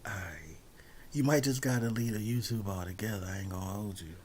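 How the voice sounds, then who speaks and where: A man's voice: lowish voice, a little fast. A man hosting a livestream in casual, slangy, conversational talk. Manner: conversational, peppered with slang and shout-outs. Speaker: livestream host.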